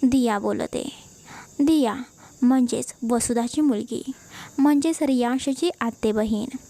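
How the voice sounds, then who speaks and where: A woman narrating a romance story in a steady, expressive reading. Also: a little high, unhurried.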